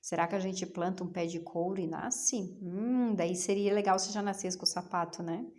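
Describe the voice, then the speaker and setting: A woman's voice: fairly low pitch, fairly even intonation, moderate pace, a little mellow. A middle-aged woman teacher from Brazil, patiently explaining homework to young pupils and asking them questions to coax answers. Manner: patient, coaxing, asks rhetorical questions. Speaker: schoolteacher.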